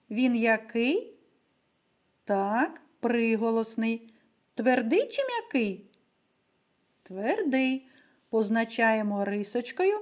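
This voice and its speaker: Slow, patient woman teaching young children. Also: a little high, a little mellow. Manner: slow, clear, patient, addresses children directly. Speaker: primary school teacher. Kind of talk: video literacy lesson for young children.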